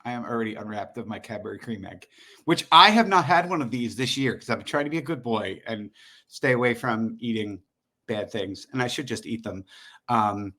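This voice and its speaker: A man's voice: mid-range voice, animated, a little fast, sharp tone. A middle-aged man hosting a podcast, chatting in a jokey, rambling way. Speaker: podcast host. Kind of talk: casual podcast chat.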